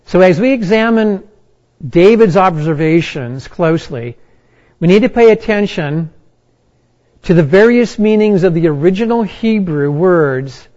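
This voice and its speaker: A man with a fairly high voice preaches slowly and deliberately, leaning on each phrase with emphatic pauses. The recording is a little dull and lo-fi. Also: animated, darkish tone. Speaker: pastor. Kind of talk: sermon.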